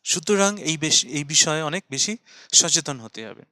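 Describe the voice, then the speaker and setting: Male English teacher for a lecture video, bright and fairly high voice, poses and answers his own questions, dry sound. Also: animated, no room sound. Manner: explains in Bengali, reads English lines slowly and deliberately. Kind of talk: video lesson explaining writing.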